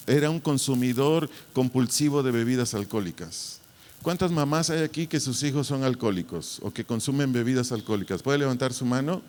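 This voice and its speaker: Pastor mexicano, predicando con fervor. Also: male voice, mid-range voice, in a large hall. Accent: Mexican Spanish. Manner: impassioned preaching with rhetorical questions. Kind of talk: sermon. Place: church hall.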